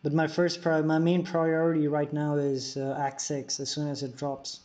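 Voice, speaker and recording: A dull lo-fi recording captures a man live-streaming a mobile game. His slightly high, darkish voice shows little pitch movement and moves at a moderate pace. Casual and heavy on fillers, he replies to chat mid-play and hands out tips between fights.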